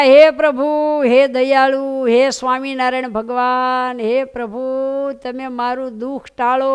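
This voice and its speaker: A woman's voice: high voice, clean tone. A woman preacher with a Saurashtra Gujarati accent, telling a devotional story in a folksy, vivid way. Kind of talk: sermon storytelling.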